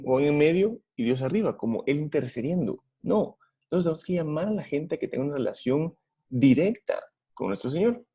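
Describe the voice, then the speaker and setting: A man's voice: medium pitch, warm tone, slightly rough. A man with a Guatemalan Spanish accent preaching a Bible study sermon, earnest and putting rhetorical questions to his listeners.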